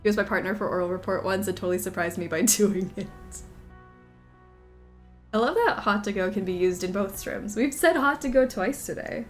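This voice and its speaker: A woman with a mid-range voice streams a game and chats casually with her viewers, giggling often and tossing off quick apologies. Soft music plays in the background.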